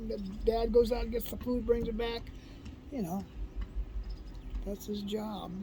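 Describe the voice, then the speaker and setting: A woman's voice: on the high side, fairly even intonation, measured pace. A woman in her fifties chatting casually, chiming in briefly and agreeably. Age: 50s. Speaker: vlog co-host. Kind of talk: casual chat. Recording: noisy ambient background.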